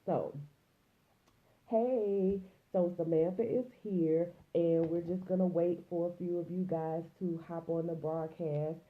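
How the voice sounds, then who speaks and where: Woman host, low-pitched, congested and nasal, chatty livestream delivery, muffled lo-fi audio. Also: fairly even intonation, takes it slowly. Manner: chatty, greets viewers by name. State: congested and a little nasal from a cold. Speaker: host of a live broadcast. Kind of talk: casual livestream chat.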